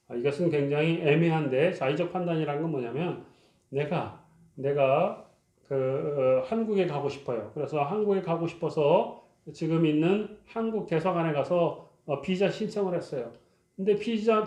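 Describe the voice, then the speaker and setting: A man's voice: on the high side, mellow, roomy sound. A male lecturer explaining a university course topic, posing rhetorical questions to his students and talking with frequent fillers.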